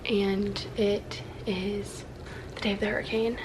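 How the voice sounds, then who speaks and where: A woman's voice: mid-range voice, flat delivery, a little slow, noisy background. A woman chatting casually to camera in a hesitant, rambling way with lots of filler. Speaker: vlogger.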